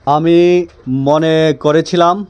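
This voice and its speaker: A male English teacher gives a classroom grammar lesson at an unhurried, deliberate pace. He talks in a slightly higher register, asks questions and answers them himself. He repeats each phrase and drills his students with call-and-response. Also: steady tone, darkish tone, clean tone.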